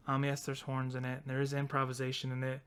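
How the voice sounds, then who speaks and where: Smooth-voiced man, rambling podcast chat. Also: mid-range voice, completely flat delivery, a little fast, fairly bright tone. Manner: rambling, self-interrupting, laughs often. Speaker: podcast co-host. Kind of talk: casual chat.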